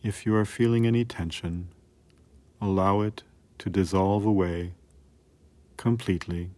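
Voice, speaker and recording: Deep voiced guy doing a guided relaxation, really slow n soothing, long gaps between phrases. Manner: calm, soothing, measured with long pauses. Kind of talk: scripted guided muscle relaxation.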